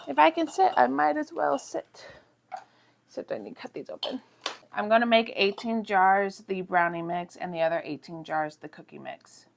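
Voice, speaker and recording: A woman's voice: medium pitch, gravelly, a little hiss or hum. A young American woman with a congested voice, chatting casually in her home kitchen as a vlogger, talking to herself while she works. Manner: chatty, self-deprecating, talks to herself while working. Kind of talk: casual chat vlog.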